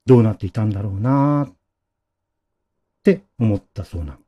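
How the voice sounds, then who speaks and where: A man narrating a ghost story dramatically, dropping to a hush at key moments. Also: fairly low pitch, expressive, moderate pace, dull audio.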